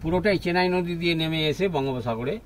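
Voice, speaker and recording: Older man, tour guide commentary, quick delivery, boat and wind noise behind. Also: a little high. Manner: explanatory, counts points off as a lecture. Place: open deck of a boat at sea.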